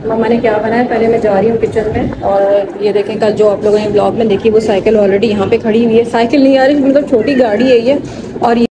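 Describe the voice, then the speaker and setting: Brisk and a little high, with little pitch movement, a young woman addresses her phone camera directly as she strolls through her house and kitchen. She's a chatty vlogger filming at arm's length indoors. Background noise can be heard.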